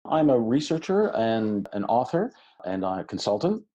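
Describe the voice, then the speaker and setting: A man over sixty, a podcast guest and education researcher, answering questions in an articulate, relaxed and welcoming way with occasional fillers. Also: medium pitch, normal speed, husky, muffled recording. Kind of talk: reflective interview answers.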